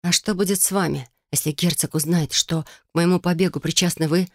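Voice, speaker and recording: Reader plays an earnest, worried young woman, gravelly texture, dry close recording. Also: on the low side, fairly even intonation, brisk, no echo. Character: young woman heroine, grateful and anxious.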